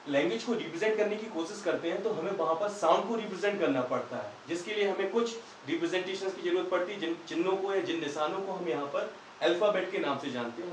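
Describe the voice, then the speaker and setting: A man's voice: a little high, slight background noise. A man teaching English grammar in Hindi, patiently asking questions and answering them himself. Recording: echoey room, far from the mic.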